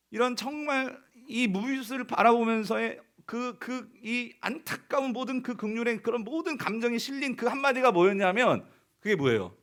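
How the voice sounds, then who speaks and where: A male pastor delivers a sermon in a fairly high voice whose pitch leaps and falls all over. He preaches emphatically, firing questions at the congregation. He acts out quoted lines with drama. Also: fairly bright tone.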